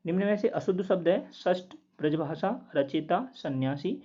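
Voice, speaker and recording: A man working through quiz answers as a teacher, steadily repeating each word slowly to explain it. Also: high-pitched, expressive, mellow, breathy edge. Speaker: Hindi test teacher. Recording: dull lo-fi recording.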